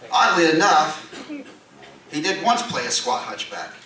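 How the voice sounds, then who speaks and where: A man's voice: fairly high pitch, sing-song, unhurried, pushed and bright. A man giving a tongue-in-cheek award induction speech at a convention, reading aloud to the room. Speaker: presenter inducting an award honoree. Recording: echoey hall, distant mic, background noise.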